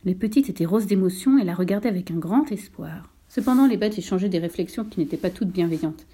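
A woman narrating a children's storybook in a steady, clear reading voice. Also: lowish voice, fast.

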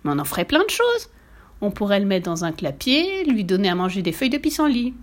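A woman's voice: medium pitch, wildly swooping pitch, brisk. A woman voicing a cheeky, cheerful, fearless little girl in a storybook reading, bubbly and boastful. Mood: joyful.

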